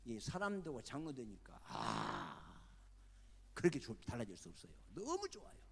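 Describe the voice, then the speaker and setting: Husky, animated older male pastor. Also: mid-range voice, moderate pace. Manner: lively storytelling, acting out the people in his stories. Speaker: retired senior pastor. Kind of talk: sermon. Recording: long church-hall reverb.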